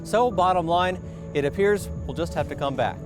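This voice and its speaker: A man's voice: a little high, expressive, moderate pace. An American man working as a reporter, narrating a scripted television news feature. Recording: music behind the voice. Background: music bed.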